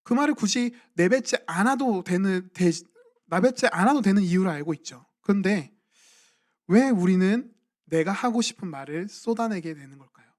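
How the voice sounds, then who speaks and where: A man's voice: high voice, expressive, moderate pace. A young man, a junior pastor, preaching a sermon in a church and asking his congregation questions in a conversational way. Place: church sanctuary at a midweek evening service.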